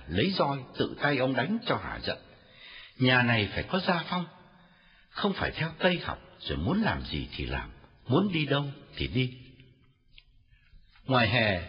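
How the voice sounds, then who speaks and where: A man narrating a novel as an audiobook in an expressive storytelling reading. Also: medium pitch. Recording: dull lo-fi recording with faint music.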